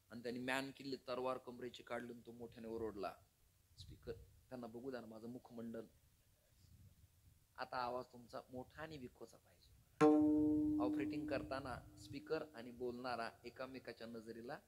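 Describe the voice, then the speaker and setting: A man preaching a devotional kirtan sermon. He tells the story dramatically and acts out its characters, dropping to a hush and then rising loud, and jokes with the audience. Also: mid-range voice, a little hiss or hum.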